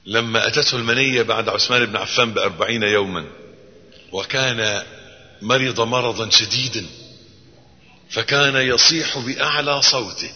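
Egyptian preacher in a reverberant hall. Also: male voice, mid-range voice, moderate pace, long pauses. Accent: Egyptian Arabic. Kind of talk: sermon. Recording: long reverb hall, dull lo-fi sound.

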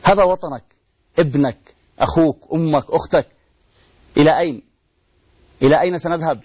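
A TV program host makes an impassioned appeal packed with pleading rhetorical questions and repeated refrains. His voice is on the high side, fairly quick, darkish and slightly rough, with no room sound, heard through dull lo-fi broadcast audio.

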